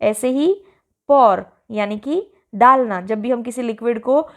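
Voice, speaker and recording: A woman teacher with an Indian English accent explains a lesson from a school textbook. She reads the example sentences slowly and clearly, and her voice is on the high side.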